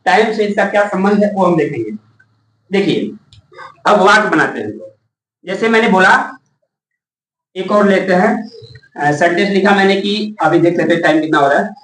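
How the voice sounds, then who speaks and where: Teaching a classroom of students, a man with a high-pitched, somewhat bright voice asks rhetorical questions, repeats the replies, and spells words out slowly one letter at a time while calling out key words. There's slight background noise, the room echoes, and he's distant from the mic.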